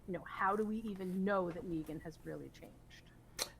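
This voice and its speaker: Animated woman analyzing a TV show. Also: fairly low pitch, normal speed, gravelly, breathy edge, poor audio. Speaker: podcast co-host. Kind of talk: casual TV recap chat.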